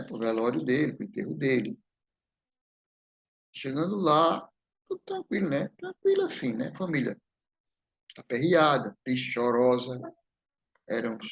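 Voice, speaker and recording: A man's voice: mid-range voice, creaky, slightly rough, muffled recording. A man giving a spiritist lecture, telling a personal story in a conversational way and often checking in with the audience. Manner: conversational, repeats "né?" and addresses the audience.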